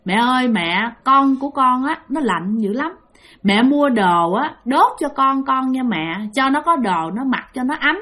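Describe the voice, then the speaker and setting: A woman's voice: high voice, expressive, unhurried, a bit bright, exaggerated voice. Woman voicing a young woman's ghost. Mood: pleading. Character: ghost of a young woman, pleading, turns menacing.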